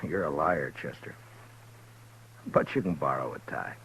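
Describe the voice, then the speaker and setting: An actor playing a calm, reflective frontier marshal who narrates in a slow, laconic, measured way, in a 1950s radio drama. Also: male voice, rumbling low, a little hiss or hum, heavily acted. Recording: dull old radio recording with music under narration.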